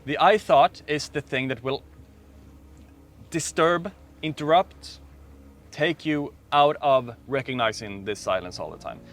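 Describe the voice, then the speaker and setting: Soft-spoken man guiding a meditation. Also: mid-range voice. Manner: slow, calm, soft-spoken with long pauses. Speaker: meditation teacher. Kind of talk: guided meditation talk.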